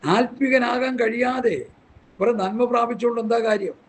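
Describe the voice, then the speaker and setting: A man's voice: extremely high pitch, moderate pace, a little hiss or hum. A man preaching a Bible study sermon in an impassioned, scolding way, full of rhetorical questions. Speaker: pastor.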